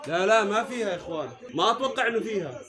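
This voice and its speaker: A man reacting live to a football match, excitable, often shouting and jeering at the play. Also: sits high, rapid-fire, soft background music.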